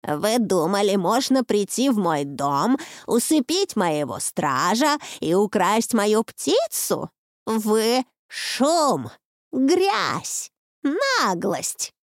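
Creaky, icy old witch, a woman doing her, slow and menacing, storybook villain, dry close mic. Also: mid-range voice, big pitch swings, no room sound. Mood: contemptuous. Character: ancient wrathful forest witch, old woman. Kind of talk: audiobook reading.

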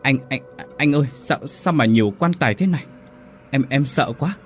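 A man's voice: fairly high pitch, animated, a little fast, fairly bright tone, faint music behind, voice pushed up. A man voicing a frightened younger brother who stammers in fear in a spoken ghost story. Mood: scared. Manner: stammering, fearful.

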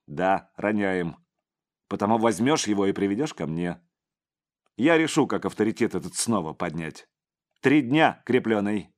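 A man's voice: lowish voice, animated, normal speed, lightly acted. A man voicing a domineering middle-aged crime boss who barks out scolding commands.

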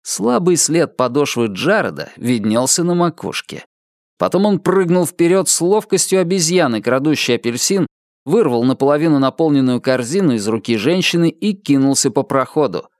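Expressive audiobook narrator with lively intonation. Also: male voice, on the high side, normal speed, no room sound, studio quality. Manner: expressive, varied storytelling.

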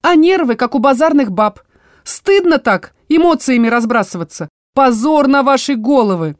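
A woman reading an audiobook voices a stern old female dryad, a small tree spirit, scolding everyone in a high, loud, shrill voice. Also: animated, moderate pace, no echo, clean studio sound.

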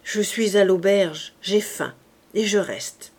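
A woman's voice: mid-range voice, slow, a little mellow. Jean Valjean, read by a woman as a weary, insistent traveler. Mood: stubborn. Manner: insistent, raises voice. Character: weary hungry male traveler, proud.

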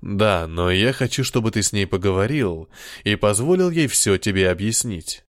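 A man doing a cold, slow-spoken commanding leader. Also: fairly low pitch, lively intonation, no room sound, studio quality, voice pushed down, close to an everyday voice. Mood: stern. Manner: slow, measured, authoritative. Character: cold, commanding older male leader persona.

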